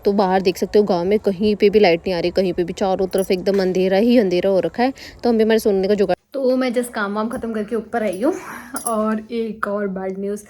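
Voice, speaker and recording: A young woman narrating her day in a casual home vlog, chatty and rambling with quick asides, recorded on a handheld phone in a village house. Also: medium pitch, steady tone, mellow. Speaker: vlogger.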